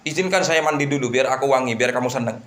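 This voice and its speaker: A man's voice: mid-range voice, quick pace, fairly bright tone, natural voice. A man voicing a handsome, pious young man in a moral tale, pleading and flustered.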